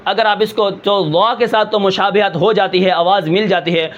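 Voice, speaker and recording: A man with a fairly high voice teaches a tajweed pronunciation lesson, explaining patiently step by step. He poses questions and answers them himself, and now and then slows down to draw out a sound. The recording is somewhat dull and lo-fi. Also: fairly even intonation. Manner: patient, explanatory, asks himself rhetorical questions and checks in with "okay"; slows and draws out words to demonstrate sounds. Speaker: Quran recitation teacher.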